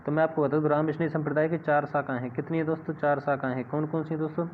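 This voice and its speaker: A man's voice: on the high side, level tone, racing. A man teaching an exam-prep lesson, often asking viewers a question and answering it himself. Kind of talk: classroom-style exam lesson. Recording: tinny phone-like audio with faint hiss.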